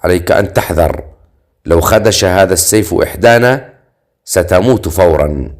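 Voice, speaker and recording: A man's voice: low voice, lively intonation, normal speed. Sol, a wary immortal woman, as a man reads her. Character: wary sharp-tongued young immortal woman.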